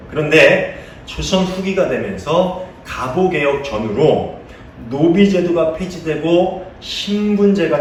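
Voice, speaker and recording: Korean pastor preaching in an echoey church. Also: male voice, mid-range voice, slight background noise. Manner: conversational, asks the congregation questions; playful teasing anecdotes. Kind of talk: sermon. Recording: echoey room heard from a distance.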